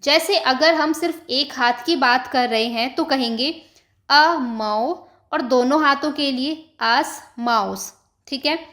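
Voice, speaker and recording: A woman with a Hindi accent teaches an online beginner lesson in a high, light voice. She moves at an unhurried pace, saying example words slowly and twice. She keeps checking that listeners follow. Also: fairly bright tone. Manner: often adds "ठीक है" to check in. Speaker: language teacher. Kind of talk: slow explanatory online lesson.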